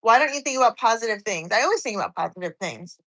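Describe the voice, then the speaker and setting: Woman in her 40s, a little out of breath, high-pitched and chatty, answering viewers mid-workout. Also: expressive, quick pace, bright, forceful tone, poor audio. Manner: chatty, reads comments aloud and answers. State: slightly out of breath while doing cardio. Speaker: fitness streamer. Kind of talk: live stream chat reading comments.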